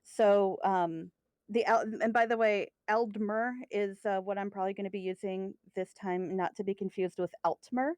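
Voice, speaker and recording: On a podcast, a woman with a Midwestern accent, appearing as a co-host guest, chats casually in a rambling, self-deprecating way and laughs often. Her medium-pitched voice is darkish and smooth, with fairly even intonation and normal speed, and there is no room sound.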